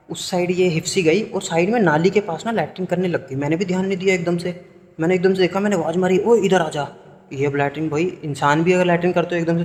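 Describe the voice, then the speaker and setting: A young man, telling a story in a casual vlog and checking in with his viewers again and again. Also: fairly high pitch. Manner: chatty, animated retelling, often asks "ठीक है?". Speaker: vlogger. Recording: roomy with long reverb.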